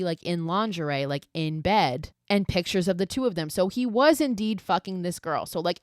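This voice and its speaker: A woman's voice: medium pitch, dry recording, clean studio sound. A woman hosting a podcast, recapping a horror film in a casual, blunt and sarcastic way with lots of swearing. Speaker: podcast host.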